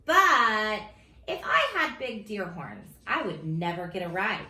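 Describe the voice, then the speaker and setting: A woman reading a children's storybook aloud in a silly, theatrical, expressive way, like a teacher at story time. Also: medium pitch, takes it slowly, a crowd in the background. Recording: roomy echo with faint background noise.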